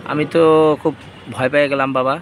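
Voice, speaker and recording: A man's voice: mid-range voice, level tone, fairly quick, creaky, a bit bright, slight background noise. A man, a father filming his children and playfully coaxing them to recite and pose. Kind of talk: casual home video.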